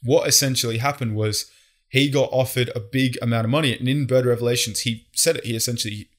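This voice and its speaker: A man chats casually on a podcast with a loose, slangy, swear-heavy delivery. His voice sits at an ordinary middle pitch. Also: fairly even intonation, fast talker. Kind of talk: casual chat.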